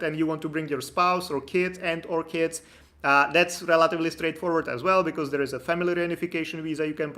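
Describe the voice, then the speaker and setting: This immigration consultant from the Czech Republic speaks with a Czech accent in a fairly high, bright and forceful voice. Czech is his native language, and on his live stream he keeps things relaxed, chatty and full of jokes for the audience.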